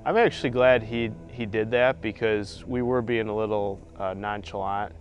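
A man's voice: lowish voice, moderate pace, dull audio. A man, a paddle boarder, recounting events casually in an interview. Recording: faint outdoor background noise.

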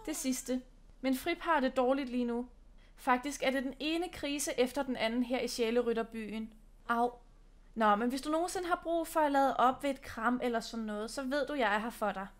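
A friendly young stable girl from a horse-riding game chats eagerly, as a woman reads her lines aloud. Her voice is fairly high. She sounds warm-hearted and keen to help. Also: close to an everyday voice.

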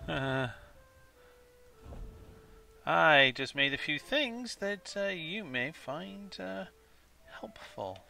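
A tired man talks through his gameplay in a chatty, self-mocking way, thinking aloud as he goes. His voice is gravelly yet bright, and he speaks slowly. Faint ambience from the game sits behind him. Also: fairly high pitch, animated. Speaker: gamer, let's play host. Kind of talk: casual gameplay commentary.

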